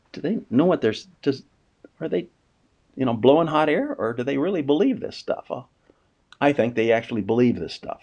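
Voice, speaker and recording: A man's voice: mid-range voice, a little mellow, lo-fi sound. A man giving a casual, unscripted economic commentary, asking rhetorical questions and often restarting his sentences. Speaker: finance commentator.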